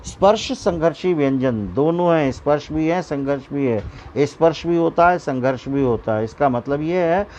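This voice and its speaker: A man's voice: medium pitch, a little hiss or hum. A man teaching a school grammar lesson, explaining terms patiently and drawing out example sounds. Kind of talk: slow classroom grammar lesson.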